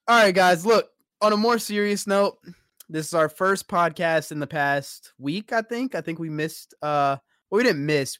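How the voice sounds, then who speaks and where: A man's voice: on the high side, smooth, no echo, clean studio sound. A young man hosting a casual podcast, chatting and joking with friends. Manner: laughing, animated banter. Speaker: podcast host. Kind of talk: casual chat.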